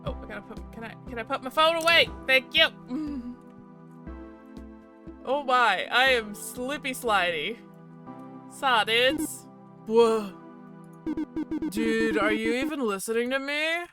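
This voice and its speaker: A woman's voice: fairly high pitch, takes it slowly, pauses often. A woman streamer giving casual gameplay commentary, chatty and self-deprecating with the odd swear. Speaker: let's play streamer. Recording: loud game music behind.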